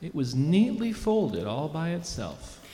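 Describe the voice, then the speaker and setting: A man's voice: fairly high pitch, huge pitch swings, takes it slowly, mellow. A man co-reading a dramatized scripture passage, restating each line in his own words. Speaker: co-reader. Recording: long hall reverb.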